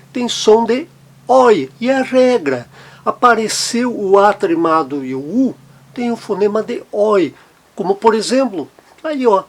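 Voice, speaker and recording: A man teaching a language lesson, explaining sounds and slowly repeating each example word. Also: high voice. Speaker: German teacher.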